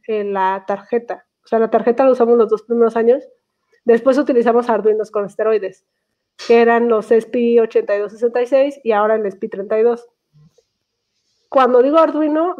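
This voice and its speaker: A young woman with a Mexican accent, chatting as a guest speaker over a headset, quick and prone to laughing. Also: a little high. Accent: Mexican Spanish. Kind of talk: casual online talk. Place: small room at home. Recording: tinny video call audio.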